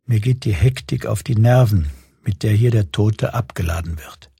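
A man reads his own reportage aloud in a sober, measured way with a wry edge. His voice is strongly husky and darkly mellow. The recording is close and dry. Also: on the low side, no room sound. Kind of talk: scripted first-person narration.

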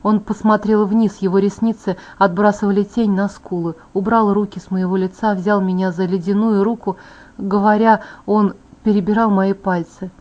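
A woman narrating a first-person audiobook in a calm, even storytelling voice. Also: mid-range voice, normal speed, muffled recording.

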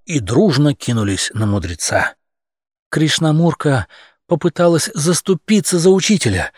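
A man narrating a humorous audiobook story in a lively, expressive way. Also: fairly high pitch, normal speed, husky, dry recording, clean studio sound.

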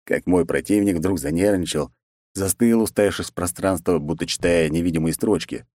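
A man's voice: brisk, a little mellow, no echo. A man narrating a first-person story as an audiobook, voicing the characters in between. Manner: reads first-person story, raises pitch for characters' lines. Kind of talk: scripted narration with voiced dialogue.

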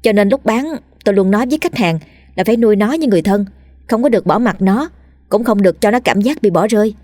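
A woman's voice: mid-range voice, fast, no echo, clean studio sound, voice pushed up, natural voice. A woman voicing a blunt, matter-of-fact female doll seller in a spoken ghost story. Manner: blunt, flat-toned. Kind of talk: storytelling role voice.

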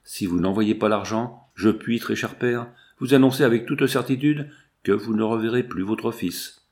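A man reading a young male captive's dictated letter in a subdued, measured, grave manner. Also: medium pitch, a little mellow, natural voice.

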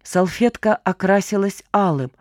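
In a dry, clean studio recording, a woman with a mid-range voice reads scripted audiobook narration. Her delivery is even and measured.

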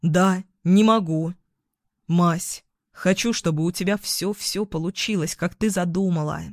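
A woman voicing a weakened, tense ex-husband who alternates between shouting and pleading, read in her own voice. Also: on the low side, unhurried, no room sound, studio quality, close to an everyday voice. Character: strained, weakened ex-husband, middle-aged man.

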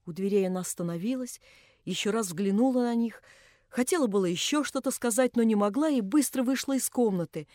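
A woman reads a novel aloud in a measured, expressive audiobook style. Her voice is mellow and soft-edged and sits fairly high. The recording is close and dry. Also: dry recording. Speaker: audiobook narrator. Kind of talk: expressive literary audiobook reading.

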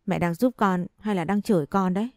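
A woman's voice: mid-range voice, a little fast, darkish tone, no room sound, clean studio sound, lightly acted. A woman reading the lines of a possessive young wife who clings to her husband, in an audio story. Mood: pleading, bitter.

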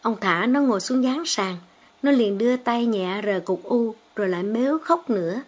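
A woman narrating a storybook in a steady, measured way. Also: on the high side. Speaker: audiobook reader. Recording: dull lo-fi audio with faint background music.

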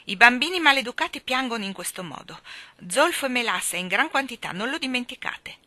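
A woman doing a booming, scolding old spinster. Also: expressive, brisk, bright, forceful tone, no room sound. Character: imposing, stern, domineering old spinster woman.

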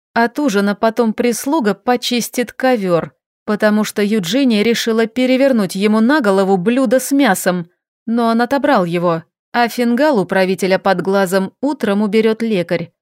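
A woman reading a romantic fantasy audiobook as narrator, in even, wry storytelling. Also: fairly high pitch, dry recording, clean studio sound. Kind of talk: scripted narration.

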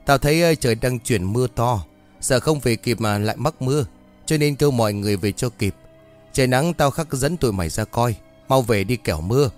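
A man's voice: mid-range voice, brisk, soft background music, close to an everyday voice. A man voicing a stern old village elder. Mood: evasive. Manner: scolding, commanding.

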